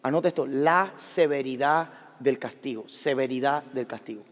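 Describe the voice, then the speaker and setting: A middle-aged man preaching a sermon as a pastor, animated, asking the congregation questions and telling personal stories. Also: mid-range voice, normal speed. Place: large church sanctuary. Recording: long hall reverb of a church.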